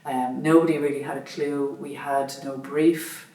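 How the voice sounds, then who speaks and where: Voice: mid-range voice, flat delivery, a little slow, mellow, roomy sound, distant mic, poor audio. An adult frankly and wryly recounting difficulties in a collaborative scriptwriting group. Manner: frank, wry, with restarts. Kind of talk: candid interview reflection.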